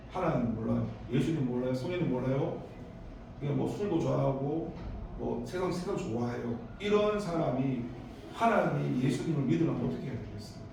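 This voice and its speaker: Preaching to a youth service, this Daegu-accented pastor has a medium-pitched voice picked up from a distance amid background noise. His storytelling rambles into asides and jumps into sudden emphasis, echoing through the church sanctuary far from the microphone.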